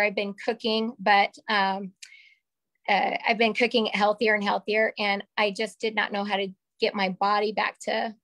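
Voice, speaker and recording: A woman in her forties with a slightly raspy voice shares a candid personal story on a webcam video call from a small room at home, chatting and gesturing with her hands. Her voice is medium-pitched and a bit bright, and the recording is dry.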